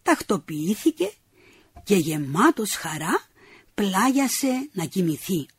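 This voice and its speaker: A woman reads a humorous short story aloud, with much rise and fall in her pitch. Her voice is slightly husky. The recording is dry and close, with no room sound. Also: no room sound. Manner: lively, expressive narration.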